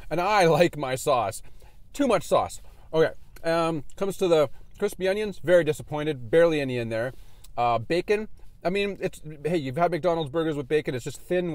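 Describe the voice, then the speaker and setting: A chatty, animated man gives a casual food review from his car, laughing as he goes. His voice sits fairly high, and the sound is close and dry with no room echo. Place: in a parked car.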